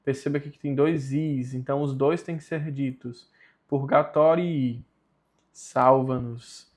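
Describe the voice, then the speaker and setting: A man's voice: medium pitch, steady tone, normal speed, warm tone. A man teaching the pronunciation of a Latin prayer, enunciating carefully and repeating words to drill them.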